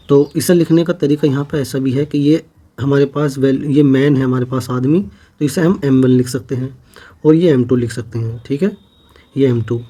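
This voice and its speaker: A man with a mellow, darker voice of ordinary pitch teaches an exam-prep maths class. He talks through each problem slowly and methodically, repeating every figure as he writes it.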